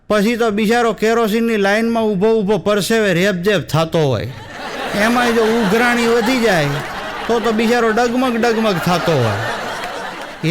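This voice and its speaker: A man's voice: high-pitched, background noise. A young man with a Gujarati accent, telling comic stories on stage and acting out the dialogue. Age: young adult. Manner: storytelling with quoted dialogue, sung wedding song snippets. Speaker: stand-up comedian.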